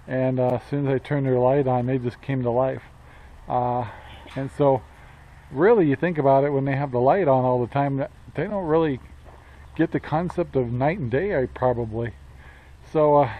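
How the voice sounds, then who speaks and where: An older man in his sixties talks casually into a camera held at arm's length outdoors, wandering from thought to thought with plenty of "uh"s and restarts. His voice sits at an ordinary middle pitch. The audio is a bit dull and lo-fi. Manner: rambling, many fillers and restarts. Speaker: homestead vlogger. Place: outdoors by a metal barn. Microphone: action camera at arm's length.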